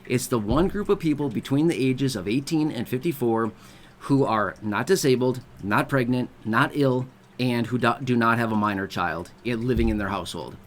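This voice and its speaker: A man explains benefits while hosting an online video, speaking at a moderate pace in a mid-range voice. He keeps it conversational, repeatedly checking in with listeners, and slight background noise can be heard.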